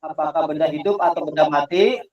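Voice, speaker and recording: A man's voice: a little high, no room sound, highs cut off. Man facilitating over a glitching, choppy connection. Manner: slow, repeated instructions and hearing checks. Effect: choppy, glitching connection audio. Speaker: workshop facilitator. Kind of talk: leading an online workshop. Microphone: video call.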